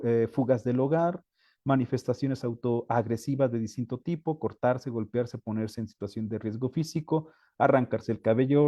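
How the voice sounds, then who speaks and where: A man delivers a training lecture to teachers in a mellow, warm voice. He pauses to check in with his listeners and now and then searches for a word. The recording is close and dry, with no room sound. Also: medium pitch, no echo. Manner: often checks in with the audience, with frequent hesitations.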